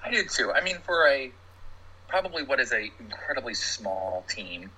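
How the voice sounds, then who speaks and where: Animated, bright-voiced man chatting. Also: mid-range voice, normal speed, slightly rough, low-quality recording. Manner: animated storyteller, laughs while talking. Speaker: production designer, podcast guest. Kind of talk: casual podcast chat.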